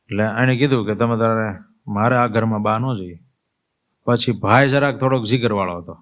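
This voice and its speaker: A man, a monk, preaching a sermon through a story, in a conversational way that keeps checking in with the listeners. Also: mid-range voice. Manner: conversational, asks listeners "you see?" and "tell me".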